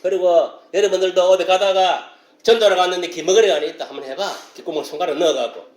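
High-voiced preacher with sudden shouts. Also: male voice, steady tone, fast talker, reverberant. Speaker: pastor. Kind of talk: sermon.

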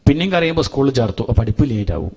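A middle-aged man teaches a devotional scripture lesson, chanting verses slowly and explaining them in a homely, conversational way. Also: medium pitch, sing-song, mellow, slightly rough. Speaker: Bhagavatam teacher.

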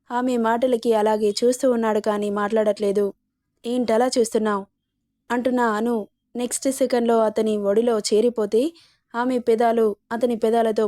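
A woman's voice: on the high side, warm tone, no room sound, studio quality. A woman reading a romance story aloud, narrating and voicing every part in her own plain voice.

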